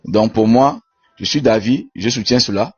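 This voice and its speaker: A man from Benin speaking in an online debate, halting with many repeated words and fillers. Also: on the low side, husky, no room sound, soft background music. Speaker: debate participant. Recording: dull lo-fi audio.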